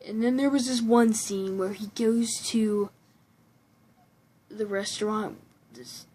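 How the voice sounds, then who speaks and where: A woman's voice: medium pitch, steady tone, slow, darkish tone, slightly rough, low-quality recording. A woman giving a casual, rambling movie review at home, often restarting sentences and breaking into giggly asides. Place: room at home with a computer behind her.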